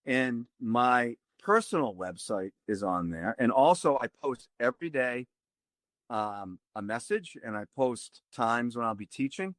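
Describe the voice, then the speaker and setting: A man with a Boston accent, a tai chi teacher speaking earnestly as a podcast guest and spelling out details slowly. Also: mid-range voice, expressive, a bit bright, no echo.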